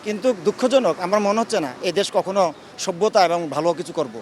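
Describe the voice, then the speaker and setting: A man's voice: high-pitched, quick pace, slight background noise. An older man in a street interview, speaking colloquially in a weary, disillusioned way. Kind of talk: vox pop complaint.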